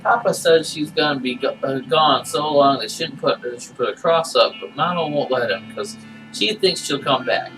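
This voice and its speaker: A man's voice: fairly high pitch, normal speed, close to an everyday voice. Man reading as a worried young farm girl. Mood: worried, reluctant. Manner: simple childlike phrasing, folksy. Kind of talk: character reading in a game playthrough. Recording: distant mic, music behind.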